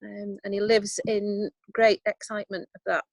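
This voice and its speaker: Speaking from a garden over a video call, a Yorkshire woman runs a casual online composting workshop, chatty and self-deprecating with plenty of ums. Her voice is mid-range and level at a normal speed, with no room sound.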